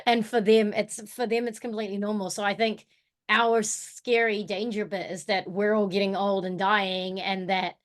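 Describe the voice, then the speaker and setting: On a video call for an online workshop, a woman with a New Zealand accent speaks at normal speed in a medium-pitched, flat voice. She co-presents informally, reflecting casually and thinking things through aloud.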